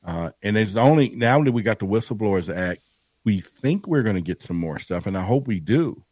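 Male, 50s, podcast guest, low pitch, dry close sound, rambling and self-deprecating. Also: animated, fairly quick, a little mellow, husky, no room sound. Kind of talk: casual podcast chat.

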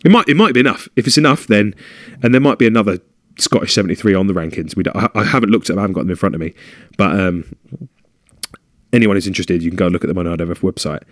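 A man's voice: deep voice, rapid-fire, no room sound, clean studio sound. A man with a British accent co-hosting a podcast in casual chat, rambling and humming filler sounds. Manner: chatty, rambling, hums fillers. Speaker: podcast co-host. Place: home room.

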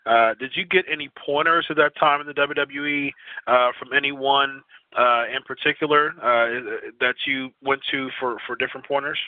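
Male podcast interviewer, mid-pitched, loose and halting delivery, dry close sound. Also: steady tone, no echo, narrow, tinny audio. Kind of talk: casual interview questions.

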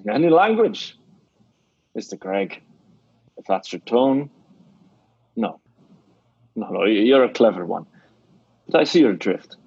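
An actor playing a shrewd, blunt middle-aged Scottish theatre owner, with a Scottish accent, in an old-time radio drama. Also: male voice, fairly low pitch, big pitch swings, unhurried, pauses often, a little mellow, slightly rough, no echo, exaggerated voice. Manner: blunt, scolding, sly. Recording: dull dry lo-fi radio recording.

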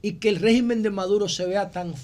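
A man with a high-pitched voice hosts a radio interview. He puts probing questions to his guest. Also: fairly even intonation, a little fast, darkish tone. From Dominican Republic. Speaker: radio host.

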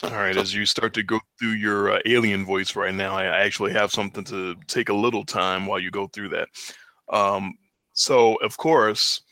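A man's voice: fairly low pitch, steady tone, moderate pace, sharp tone, dry recording. A man co-hosting a sports podcast, telling rambling self-deprecating stories in a casual chat. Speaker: podcast co-host.

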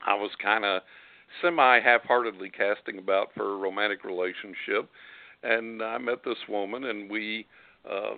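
A man's voice: lowish voice, no room sound. Folksy West Texas twang, phone-line man. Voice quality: distinctive drawling voice. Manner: folksy, chuckles while telling anecdotes. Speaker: psychic giving readings as guest on a call-in show. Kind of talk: casual talk and storytelling.

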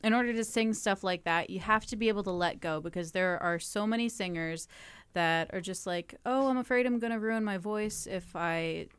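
A young woman singer with a mid-range, fairly bright, clear and resonant voice talks at a normal speed in a dry recording. She answers interview questions chattily, laughing often and filling gaps with "um" and "like."

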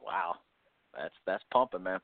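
A man hosting a sports interview show, upbeat and quick, full of "you know" fillers. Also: deep voice, very animated, creaky, no echo. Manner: fast, upbeat, many fillers. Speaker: podcast host. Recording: tinny phone-line audio.

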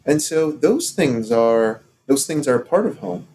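A man from Morocco co-hosting a casual podcast discussion, talking in halting stops and starts with many fillers. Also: mid-range voice, very animated, dark tone, a little hiss or hum. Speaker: podcast co-host.

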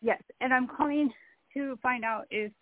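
Woman on the phone, caller from California, tinny breaking-up cell line, slightly high, hesitant questions. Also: moderate pace, dry recording. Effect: over the phone, cell line cutting out. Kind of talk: call-in question to a psychic show.

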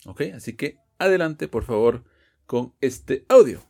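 A man's voice: medium pitch, expressive, a little slow, darkish tone. A man teaching English pronunciation in a podcast lesson, explaining step by step and often checking with "ok?".

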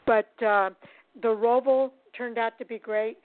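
A woman's voice: on the high side, fairly even intonation, unhurried. A woman hosting a casual race talk show, giving strong opinions with frequent "uh" fillers over a call line. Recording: tinny dry phone line.

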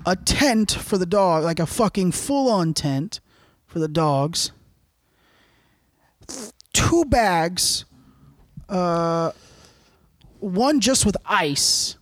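A man's voice: high voice, no room sound, clean studio sound. A young man, a podcast co-host, telling a rambling, profane story in casual chat and often laughing.

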